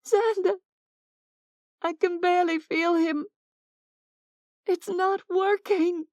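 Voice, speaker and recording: A woman's voice: sits high, a little slow, dry recording, pitched above the performer's own voice. A woman voicing a female vampire who talks in a desperate, pleading way. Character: frantic young-seeming female vampire pleading.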